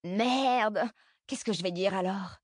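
A woman voicing a moody, casual teenage schoolgirl in an audiobook, using quick slangy speech. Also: medium pitch, no room sound, clean studio sound. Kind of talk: audiobook character voice.

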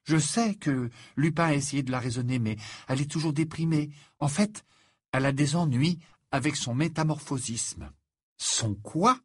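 Hermione, a man doing an earnest high girl. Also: animated, normal speed, husky, dry recording, clean studio sound. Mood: explaining. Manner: earnest, indignant. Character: clever earnest teenage girl, quick to protest.

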